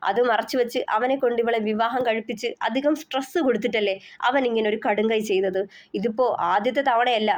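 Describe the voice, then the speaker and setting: Woman doing a scornful sharp-tongued older woman. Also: fairly high pitch, fairly even intonation, a little fast, close to an everyday voice. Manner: mocking, cutting. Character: scornful defiant middle-aged woman stepmother.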